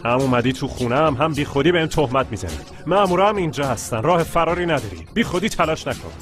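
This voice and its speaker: Dubbing a film role, a man plays an indignant, argumentative character who protests and insists the house belongs to him. His voice is on the high side, animated and a bit bright, with music behind the dialogue.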